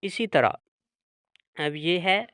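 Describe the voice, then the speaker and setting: Slow, clear-voiced man teaching a lesson. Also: high voice, expressive, bright, forceful tone, no room sound, studio quality. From Pakistan. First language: Urdu. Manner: spells out and repeats example words. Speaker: language teacher.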